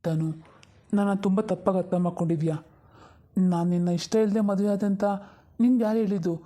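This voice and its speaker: A woman voicing a young husband in an animated drama, earnest and defensive. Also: mid-range voice, brisk, close to an everyday voice. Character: young husband, gentle and pleading.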